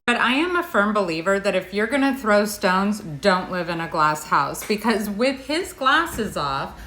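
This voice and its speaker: A woman's voice: medium pitch, a bit bright. An American woman giving casual satirical news commentary like a news anchor parody, wry, opinionated and conversational. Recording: echoey, roomy sound.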